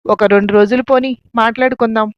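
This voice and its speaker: A woman's voice: a little high, steady tone, a little fast, no room sound, natural voice. A woman voicing a caring but bossy elder sister who scolds and soothes. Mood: soothing. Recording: dull lo-fi, dry.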